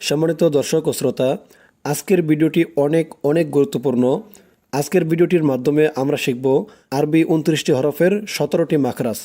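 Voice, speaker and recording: A man giving a recorded lesson on Quran pronunciation. He explains each sound, then repeats it slowly and firmly for the listener to copy. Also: a little high, mellow. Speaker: Quran recitation teacher.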